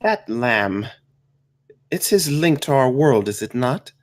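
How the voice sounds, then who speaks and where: At a table read, a man voices a female undead necromancer who is refined, unhurried, archly polite and casually menacing. His medium-pitched delivery is expressive, with a cool, assured mood.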